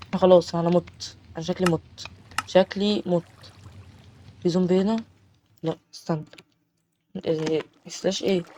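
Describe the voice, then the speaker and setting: A man with an Egyptian Arabic accent giving chatty let's-play commentary on a game, breaking into panicked shouts. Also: high voice, a little hiss or hum. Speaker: gaming channel host.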